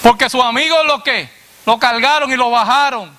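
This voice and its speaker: A man preacher delivering a sermon to a congregation, asking "what?" and answering himself in a lower voice, addressing listeners as brother. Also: normal speed, sharp tone. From Latin America. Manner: call-and-response questions, dropping low on the answer.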